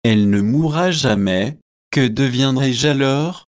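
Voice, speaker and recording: A man's voice: medium pitch, lively intonation, a little slow, no room sound, clean studio sound, lightly acted. A man voicing a weary young man who is irritated by unwanted visitors and speaks in a formal, impatient way. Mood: exasperated.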